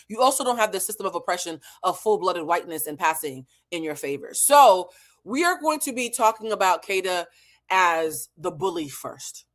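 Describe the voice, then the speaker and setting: She has a medium-pitched, fairly bright voice. This American host from New England, who also teaches emotional intelligence, recaps a reality show to camera in an opinionated way, blunt and full of swearing, driving home her points through repetition.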